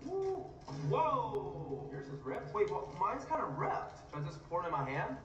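A young man hosts a challenge vlog in casual chat. His voice is high and lively, swinging widely in pitch. The recording is roomy and slightly dull. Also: measured pace, over loud music. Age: young adult. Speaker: challenge video host. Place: large open living room, indoors. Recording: roomy, distant mic, slightly dull re-played audio.

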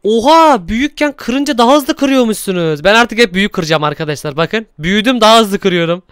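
A young man hosting Minecraft gameplay commentary, excitable and exclaiming often as he talks to viewers. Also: sits high, fairly quick, smooth, no room sound, clean studio sound. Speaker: gaming YouTuber host.

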